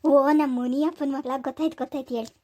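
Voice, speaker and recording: A woman's voice: high voice, steady tone, quick pace, a little mellow, close to an everyday voice. A woman voicing a half-blind old village grandmother who asks who is there. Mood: puzzled. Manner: squinting, questioning.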